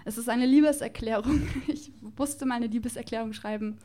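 A woman's voice: on the high side, a little fast, dark tone. A woman performing her own comic spoken-word love poem live, with a playful, rhythmic, mock-passionate delivery. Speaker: poetry slam performer.

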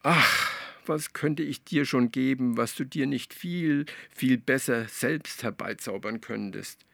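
Guy doing a squeaky stuttering little frog, begging, bright dry sound. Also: takes it slowly, creaky, no room sound, full character voice. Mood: humble. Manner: stutters, pleading. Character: small anxious stuttering male frog.

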